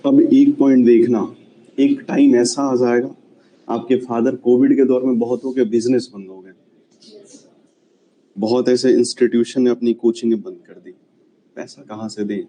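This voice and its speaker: Dark-voiced man teaching a class. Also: medium pitch, fairly even intonation, moderate pace, long pauses, a little hiss or hum, poor audio. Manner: chatty, asks students questions often. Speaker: history teacher. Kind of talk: classroom lecture.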